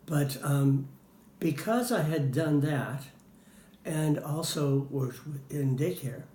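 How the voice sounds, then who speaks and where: A man's voice: on the high side, slow, dark tone. A man answering interview questions in a casual, hesitant way, with many fillers. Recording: roomy with faint noise.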